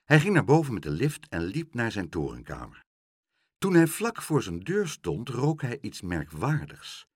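A man's voice: mid-range voice, huge pitch swings, unhurried, slightly rough, no echo, studio quality. A man reading a children's story aloud, acting out every line.

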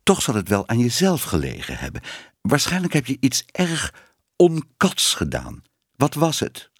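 A man's voice: mid-range voice, wildly swooping pitch, measured pace, breathy edge, dry recording, studio quality, pitched above the performer's own voice, heavily acted. Man voicing hissing old cat Tante Moertje. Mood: disapproving. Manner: hissing, prim and scolding.

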